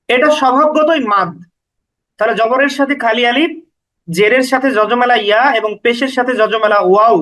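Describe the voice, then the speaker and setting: Recorded with poor audio, this step-by-step lesson features a man teaching recitation rules in a very high, bright, forceful voice. He covers them patiently in sequence, restating each point and lengthening the example sounds, and remains even from start to finish.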